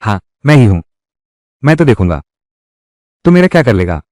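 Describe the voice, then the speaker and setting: A man's voice: medium pitch, sing-song, moderate pace, a little mellow, dry recording, studio quality, close to an everyday voice. A man dubbing a menacing tough guy. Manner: threatening, confrontational delivery. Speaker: dubbing voice actor. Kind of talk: Hindi dub of a live-action drama.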